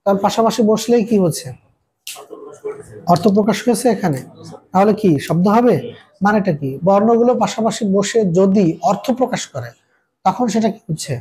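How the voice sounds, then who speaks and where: A man's voice: high voice, animated, normal speed, long pauses, mellow, low-quality recording. A male teacher giving a classroom grammar lecture, asking questions and answering them himself in a repetitive call-and-response.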